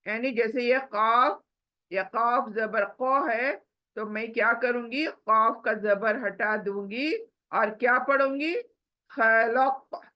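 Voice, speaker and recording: A woman gives a recitation lesson at a very slow, deliberate pace. She speaks patiently and repeats and stretches words to show how they should sound. Her fairly high voice comes through a dull, lo-fi recording. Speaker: Quran recitation teacher.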